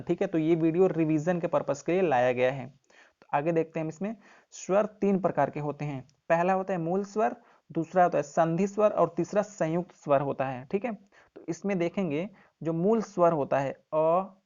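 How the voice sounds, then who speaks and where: A man's voice: fairly high pitch, a little mellow, lo-fi sound. A male teacher giving an exam revision lesson, repeating key points and quizzing the viewer with questions he answers himself.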